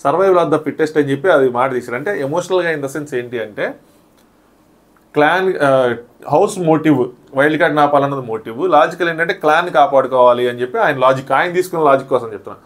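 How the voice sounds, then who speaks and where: A man giving a quick, animated review of a reality show, acting out what the contestants said. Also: a little high. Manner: animated, re-enacts contestants' quotes. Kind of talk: fast recap commentary.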